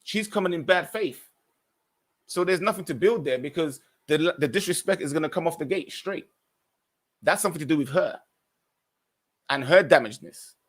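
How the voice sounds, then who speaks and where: A man's voice: on the high side, expressive, moderate pace, pauses often. A man hosting a podcast, reading out viewer comments and giving his own earnest, opinionated responses, sometimes restarting as he reads. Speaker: podcast host.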